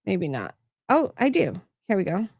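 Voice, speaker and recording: A woman's voice: mid-range voice, big pitch swings, measured pace, gravelly, a little mellow, slightly rough, dry recording, clean studio sound. A woman hosting a livestream, reading news stories aloud and adding sarcastic asides for her chat. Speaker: host.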